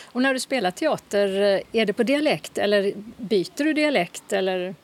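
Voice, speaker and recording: A woman interviewer asking short, calm questions in a relaxed conversation. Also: mid-range voice. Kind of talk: radio-style interview questions.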